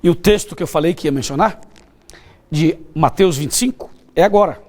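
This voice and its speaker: On a televised broadcast, a man with a Brazilian Portuguese accent preaches as a pastor, weaving in stories in a conversational style and putting questions to his audience. His voice is on the high side, brisk, and darkish in tone.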